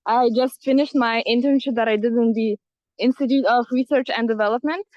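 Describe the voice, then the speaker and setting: A woman's voice: fairly high pitch, fairly even intonation, fairly quick, no room sound. A young woman from Lithuania, a student ambassador, giving a hesitant, apologetic testimony over a phone video call. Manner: hesitant, apologetic, many fillers. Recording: dull lo-fi call audio.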